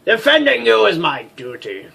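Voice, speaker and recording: A man's voice: high voice, huge pitch swings, moderate pace, creaky, bright, forceful tone, slightly rough, voice pushed up, heavily acted. A man voicing a proud, mystical winged female warrior in a game, speaking in lofty, solemn pronouncements.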